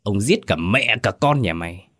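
A man voicing a cruel, greedy old village chief who sneers and shouts threats. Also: medium pitch, sing-song, moderate pace. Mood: threatening.

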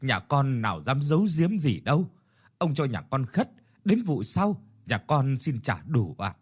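A man's voice: medium pitch, sing-song, measured pace, husky. A man voicing a thin, beaten peasant man over sixty who pleads meekly and humbly in a storybook reading. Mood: pleading.

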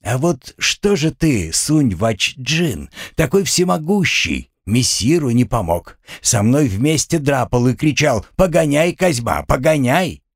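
A man's voice: medium pitch, sing-song, measured pace, no echo, studio quality. A man voicing a timid, simple-minded male orderly who speaks deferentially and a little slyly. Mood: meek deferential. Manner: meek, servile, slightly sly.

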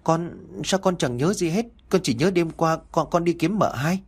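A man's voice: on the high side, lively intonation, normal speed, slightly rough, voice pushed up. A man voicing a frightened, confused young housemaid who stammers and pleads in an audiobook. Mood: confused pleading.

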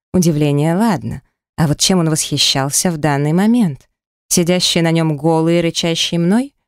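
A woman's voice: lowish voice, a little mellow, dry recording. A woman narrating a romance audiobook in the first person, with a tense, emotional dramatic reading on a close studio mic.

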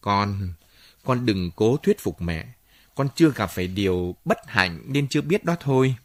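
A man's voice: on the low side, lively intonation, measured pace, dry recording, studio quality. A man voicing a bitter, stubborn mother who speaks with cold contempt.

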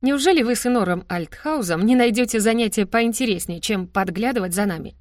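Woman reading a proud elderly grandmother, firm and commanding, pitched up a little. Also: fairly quick, no room sound, studio quality, lightly acted. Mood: imperious.

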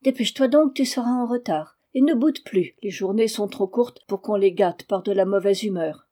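A cheerful, naive teenage flower girl from a storybook, bright and eager, her voice lifting high with a lilting lift on every line, as a woman reader puts her on. The tone is mellow and warm underneath despite the raised pitch. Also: normal speed, lightly acted. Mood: lively.

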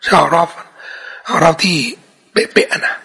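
A man's voice: normal speed, sharp tone. A man giving a Quran commentary lesson, quoting Arabic verses and patiently explaining them while answering questions. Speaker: Islamic teacher.

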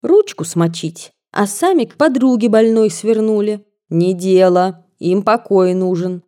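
A woman's voice: mid-range voice, animated, measured pace, mellow, natural voice. A woman voicing a kindly old nurse, over 60, who chides in a homely way. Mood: scolding. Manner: chiding, homely.

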